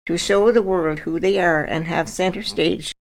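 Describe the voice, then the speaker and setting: Woman narrator reading off a script, lowish voice with some fry. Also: fairly even intonation, moderate pace, a little hiss or hum.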